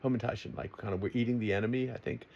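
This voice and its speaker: A man of sixty-seven with a Queens New York accent, speaking in an earnest, free-associating ramble that halts and then rushes. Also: mid-range voice, fairly even intonation, gravelly, lo-fi sound, a little hiss or hum. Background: music.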